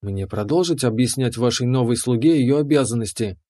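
A man voicing a devoted female lava dungeon keeper who speaks in a low, soft, purring, obedient way. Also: fairly quick, no echo, clean studio sound, lightly acted. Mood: proud. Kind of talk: audiobook character voice.

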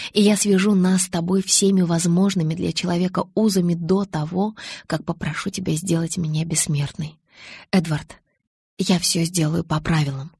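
A woman's voice: fairly low pitch, darkish tone, husky, no echo. A woman reading the lines of a stubborn young woman in love in an audiobook, with breathless, raised pleas.

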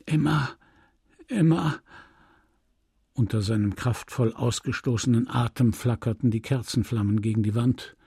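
A man reading a classic novel aloud in a measured, grave narration. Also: fairly low pitch, little pitch movement, dark tone, husky, no room sound, studio quality. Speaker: audiobook reader. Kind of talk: scripted literary narration.

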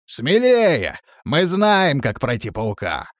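A shrill, boastful chatterbox. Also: male voice, slow, no echo, studio quality, exaggerated voice. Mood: excited. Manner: loud, excited, boastful. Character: boastful cheerful talkative man, leader's sidekick.

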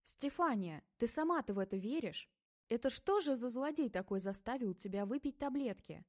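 A woman voicing an angry, jealous adult man who accuses his former partner in sarcastic tones, read in a fairly high voice in a dry room. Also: expressive, moderate pace, darkish tone, no echo. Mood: accusing.

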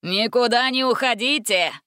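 A woman's voice: fairly high pitch, normal speed, sharp tone, clear, resonant tone, dry recording, studio quality, pitched above the performer's own voice. A woman voicing a silly, gleeful vampire count who loves to sing off-key in a storybook reading. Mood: giddy. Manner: gleeful, theatrical, villainous laugh.

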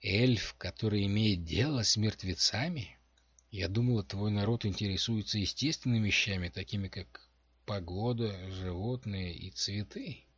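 A man's voice: lowish voice, normal speed, a bit bright, husky, no echo. A man as a blunt woman general. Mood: skeptical. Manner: blunt, curt. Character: blunt female soldier general, stubborn. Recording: dull lo-fi recording.

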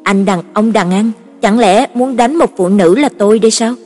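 Woman voicing a sly taunting female assassin, audiobook, husky, long reverb. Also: medium pitch, moderate pace, natural voice. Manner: teasing, taunting. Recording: reverberant, with soft background music.

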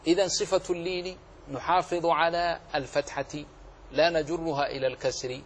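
High-voiced man teaching Quran recitation. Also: level tone, slight background noise. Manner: slow drawn-out demonstrations of vowel sounds. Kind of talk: tajweed lesson with recited examples.

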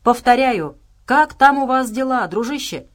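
A woman's voice: high-pitched, animated, takes it slowly, fairly bright tone, pitched above the performer's own voice, heavily acted. A woman voicing a tense male soldier leader who speaks with urgent alarm.

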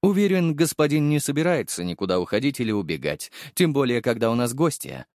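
A man voicing a calm, composed male household servant in an audiobook, speaking quietly and evenly. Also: mid-range voice, no echo, clean studio sound, pitched above the performer's own voice. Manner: quiet, measured, unflappable. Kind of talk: audiobook character voice.

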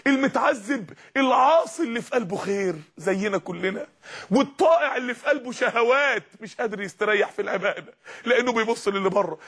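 An Egyptian man delivers a fervent sermon in a very high, husky voice. He talks fast and pleads with his listeners, and his voice swells into shouts now and then. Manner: impassioned, pleading, at times shouting. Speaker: preacher. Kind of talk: sermon to young people.

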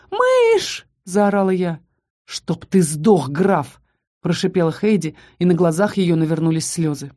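A woman with a mellow, medium-pitched voice narrates a first-person fantasy novel as an audiobook. She tells the story dramatically.

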